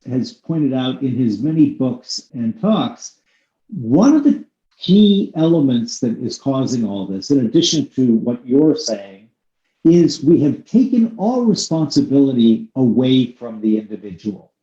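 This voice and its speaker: Man, podcast host, discursive interview talk, dark mellow tone, echoey room. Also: medium pitch, sing-song, a little slow. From United States. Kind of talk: conversational interview. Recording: echoey room, slightly dull sound.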